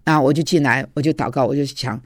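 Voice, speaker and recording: A man's voice: mid-range voice, steady tone, fast talker, no room sound, clean studio sound. A man who teaches at a seminary and preaches, giving an informal devotional talk in a confessional storytelling way with frequent hesitations.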